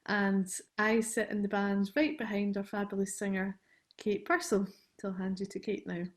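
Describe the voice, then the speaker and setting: A woman's voice: medium pitch, little pitch movement, normal speed. A woman with a Glaswegian Scottish accent giving a casual introduction as a band pianist. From Glasgow, Scotland.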